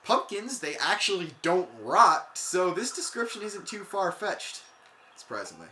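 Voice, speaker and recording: A let's player giving chatty, jokey gameplay commentary and quickly correcting their own slips. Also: medium pitch, big pitch swings, sharp tone, reverberant, slight background noise.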